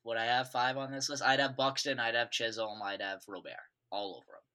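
A man's voice: medium pitch, brisk, pushed and bright. A man co-hosting a casual sports podcast, teasing his partner and giving loose, opinionated takes. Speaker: podcast co-host.

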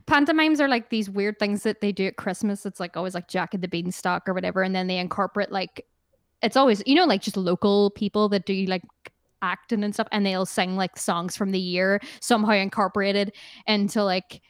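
A woman's voice: mid-range voice, fairly quick, no echo. Irish woman, musician guest, chatty and rambling, dry close mic. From Ireland. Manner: chatty, rambling, many fillers and laughs. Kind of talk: casual interview chat.

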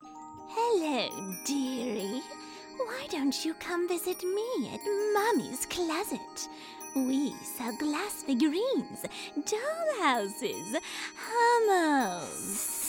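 A woman's voice: sits high, wildly swooping pitch, very slow, music in the background, voice pushed up, heavily acted. A woman voicing a creepy, cackling old female shopkeeper in a spoof radio ad, sing-song and syrupy. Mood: creepy sweet.

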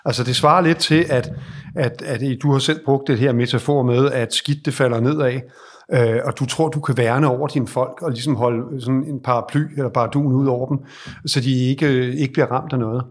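Husky-voiced man giving leadership advice. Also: mid-range voice, steady tone. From Denmark. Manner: reflective, explains at length with restarts. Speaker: leadership advisor. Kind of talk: conversational advice in interview.

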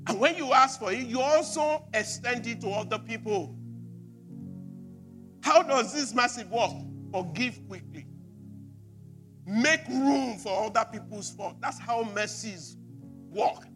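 A man preaching a sermon as pastor, repeating words with emphasis and swinging from loud to quiet. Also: very high voice, animated, unhurried, pauses often, faint music behind. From Nigeria.

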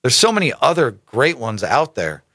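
Male commentary host, mid-pitched, emphatic and rhetorical, dry close recording. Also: wildly swooping pitch, normal speed, sharp tone, no room sound. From United States. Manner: emphatic, rhetorical asides, stumbles over names. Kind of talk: casual political commentary, reading articles aloud.

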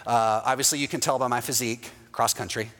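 Texan pastor preaching in a reverberant hall. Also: male voice, mid-range voice, fairly even intonation, quick pace, a bit bright, faint music behind. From Texas. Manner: storytelling with quoted voices, often asks the audience "right?". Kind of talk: sermon.

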